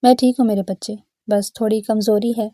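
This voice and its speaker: A woman voicing a frail, kind elderly grandmother who speaks gently and soothingly. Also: mid-range voice, steady tone, no echo, clean studio sound, close to an everyday voice. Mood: gentle.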